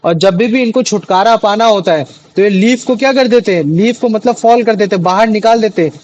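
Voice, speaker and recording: High-voiced man teaching a class. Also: fairly quick, a little mellow, poor audio. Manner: chatty, repeats questions to students, many fillers. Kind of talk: classroom biology lesson.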